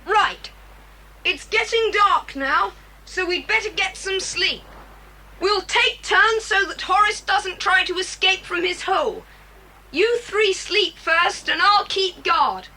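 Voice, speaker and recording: A woman's voice: lively intonation, bright, forceful tone, full character voice, poor audio. A woman playing a bold, decisive boy who leads other children in an audiobook drama. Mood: urgent, commanding. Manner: brisk, commanding, earnest. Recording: hissy, rumbling 1980s cassette transfer.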